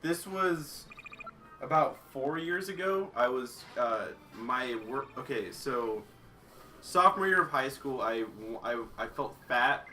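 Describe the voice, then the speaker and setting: A man's voice: mid-range voice, animated, slow pace, sharp tone. A young man in casual gaming chat who makes dry, offhand remarks. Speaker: cast member. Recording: voice distant from the mic, game music faint.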